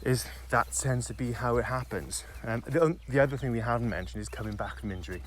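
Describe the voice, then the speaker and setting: A man co-hosts a physio podcast while out on a country walk, his voice at an ordinary middle pitch. He explains with lots of restarts and trailing phrases. Faint birdsong and outdoor ambience sit quietly under him. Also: fairly quick, a little hiss or hum. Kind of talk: casual chat on a walk. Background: faint birdsong and nature ambience.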